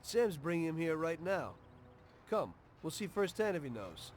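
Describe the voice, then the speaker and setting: A man's voice: fairly high pitch, sing-song, moderate pace, a little hiss or hum. An actor playing a wary, level-headed American mobster in a crime game, blunt and skeptical with his partner. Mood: stern, alarmed. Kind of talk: video game cutscene acting.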